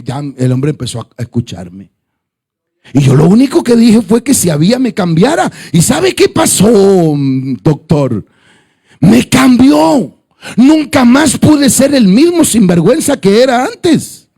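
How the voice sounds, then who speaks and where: High, husky fervent preaching man. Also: big pitch swings, measured pace. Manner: shouting fervently with singsong preaching cadence; storytelling with quoted dialogue. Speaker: pastor. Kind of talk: sermon.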